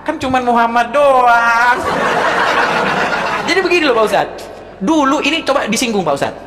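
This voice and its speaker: A woman's voice: a little high, animated, normal speed, in a large hall, heavy background noise. A woman arguing in a heated debate, mocking her opponent and hammering the same points. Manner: mocking, insistent, repeats points. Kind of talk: heated online religious debate.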